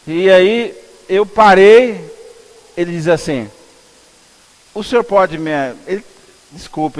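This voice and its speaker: A Brazilian man, a pastor, preaching a conversational, storytelling sermon with asides to the congregation, in a church. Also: fairly high pitch. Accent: Brazilian Portuguese. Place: church sanctuary. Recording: long church hall reverb.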